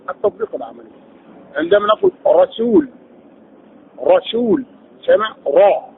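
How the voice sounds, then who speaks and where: A man's voice: very high voice, vocal fry. A man teaching Quran recitation rules, asking his students questions, answering them himself and drilling syllables aloud. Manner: drills sounds by repeating syllables. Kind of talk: tajweed lesson. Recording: tinny lo-fi phone-like recording.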